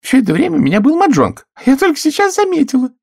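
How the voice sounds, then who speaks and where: A meek, placid older spinster with a mild, soothing way of talking, as a male audiobook narrator puts her on. He lifts his voice far up into a high, bright register. It is a storybook reading with a dry, close sound. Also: huge pitch swings, fast talker, gravelly, no echo, heavily acted.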